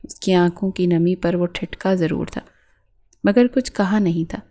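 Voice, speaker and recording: A woman narrating a romantic novel in a soft, unhurried reading voice. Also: fairly low pitch, fairly even intonation. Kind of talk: scripted narration.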